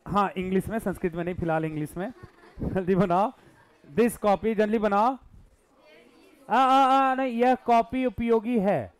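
A man's voice: high-pitched, measured pace. A male teacher giving a live classroom lesson, questioning and coaxing his students while mixing Hindi and English.

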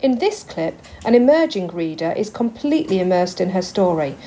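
Woman voiceover explaining clips, mellow mid voice, bit of background noise. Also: medium pitch, very animated, normal speed. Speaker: narrator. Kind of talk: scripted explanatory narration.

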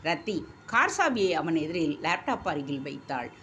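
A woman reading a story aloud in a measured, expressive way. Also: deep voice, a little hiss or hum. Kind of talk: scripted story narration.

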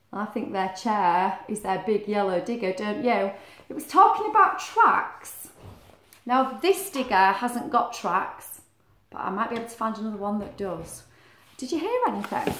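Sitting in a small, echoey living room, a middle-aged woman reads a picture book aloud to children. Her voice is on the high side and fairly bright, and she keeps it expressive with chatty asides and questions.

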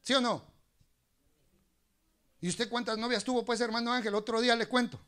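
A man preaching a sermon in church, animated, moving between soft asides and loud exclamations, sometimes speaking fast. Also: very high voice, smooth. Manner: talks fast at times.

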